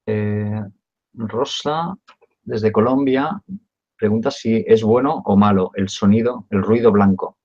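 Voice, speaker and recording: A man's voice: on the low side, slow pace, a little mellow, dull audio. A man moderating a live talk, relaying audience questions and framing his own, hesitantly searching for words. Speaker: interviewer reading viewer questions.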